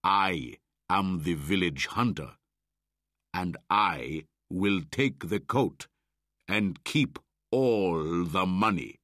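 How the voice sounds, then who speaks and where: Brief: bullying old village hunter read by a male narrator, husky, deep, blustering. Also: expressive, extremely slow, dry recording, studio quality, heavily acted. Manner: loud, blustering. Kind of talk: audiobook character voice.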